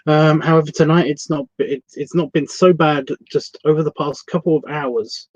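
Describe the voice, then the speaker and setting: Scottish guy streaming an art class, a bit high voiced, keeps restarting sentences, dry dull lo-fi mic. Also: fairly even intonation, moderate pace, darkish tone, no room sound. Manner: rambling and self-correcting, swears casually. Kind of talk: casual livestream art tutorial. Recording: dry, slightly muffled lo-fi sound.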